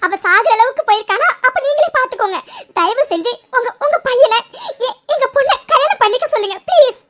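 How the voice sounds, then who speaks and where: A tearful, begging mother in a cartoon, stammering through pleas in a very high, hurried voice, as a woman puts her on. Faint noise sits under the close, dry recording. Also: animated, sharp tone, exaggerated voice. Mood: pleading. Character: pleading mother of the bride, tearful.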